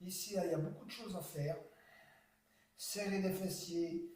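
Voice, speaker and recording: A man guiding a yoga class, giving slow, calm cues timed to the breath. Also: high-pitched. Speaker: yoga teacher. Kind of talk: guided yoga class instruction. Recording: echoey room, voice from far off.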